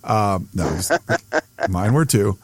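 A man's voice: on the low side, lively intonation, takes it slowly, breathy edge, no room sound. American man chatting sports, dry close sound. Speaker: sports podcast co-host. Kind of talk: casual sports chat.

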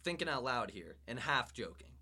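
A man co-hosting a relaxed sports podcast, talking in a loose, rambling way. He thinks out loud, trails off and restarts, and breaks into laughter often. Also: mid-range voice, normal speed, vocal fry, husky. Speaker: podcast co-host. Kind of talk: casual sports podcast chat.

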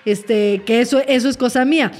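A woman's voice: a little high, normal speed, darkish tone. A woman, hosting a podcast and chatting casually as a mother, acting out family dialogue with many fillers. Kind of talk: casual chat.

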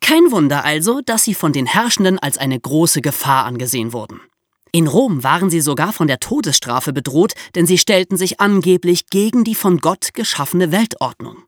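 A history podcast co-host speaks at medium pitch with very animated, swinging intonation. The delivery is conversational and explanatory, with playful ironic emphasis, and the sound is dry with no room echo.

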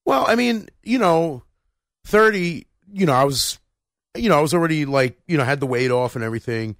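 A man's voice: on the high side, expressive, a little fast, a bit bright, no echo. Rambling man in his thirties, dry sound. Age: 30s. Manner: rambling, full of restarts and "you know". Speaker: podcast co-host. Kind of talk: casual chat.

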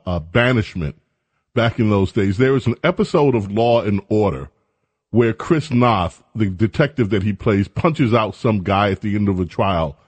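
A man's voice: fairly low pitch, no room sound. A man hosting talk radio, giving opinionated commentary in a conversational, emphatic way.

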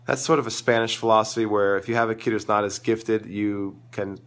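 A man on the low side of pitch talks fairly quickly with flat delivery and a bit of brightness, his voice crackly and gravelly from a sore throat. He is a tennis coach answering questions on his live stream, informal and emphatic, full of opinions, and losing his voice.

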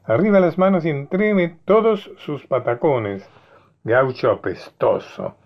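Dude playing a court clown faking a foreign robber, high and blustery, lo-fi sound. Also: male voice, expressive, measured pace. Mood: blustering. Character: Biguá, male jester mimicking a foreign gringo robber. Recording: dull lo-fi recording.

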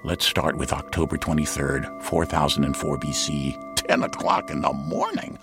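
A detached traffic reporter who muses like a philosopher. His deep, creaky voice sits over a music bed, ponderous and comic, for a radio show. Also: fairly even intonation, moderate pace. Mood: musing. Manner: ponderous, existential musing. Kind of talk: radio comedy.

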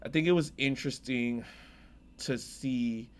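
A man's voice: medium pitch, a little slow, clean tone. A young American man co-hosting a podcast, telling rambling stories in casual chat. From United States. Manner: rambling, animated storyteller. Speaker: podcast co-host.

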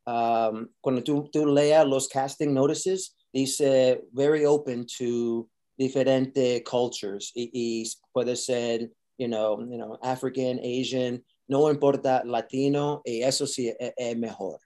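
A man who grew up speaking tells his story in halting Spanish and keeps restarting his sentences. His voice is mellow and relaxed. He often slips into phrases in a casual, unpolished way. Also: mid-range voice. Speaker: actor, interview guest. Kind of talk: casual interview. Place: Los Angeles.

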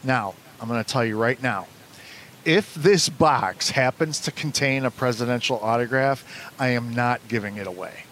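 A man's voice: moderate pace, a bit bright. A man hosting a trading card box-opening show, presenting products and chatting casually. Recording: noisy, with low rumble.

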